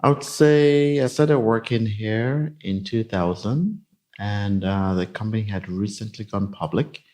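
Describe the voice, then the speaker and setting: A man in his fifties from Nigeria, a company executive answering interview questions in a measured, explanatory way. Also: on the low side, a little mellow. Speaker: guest, company CIO. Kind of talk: casual interview.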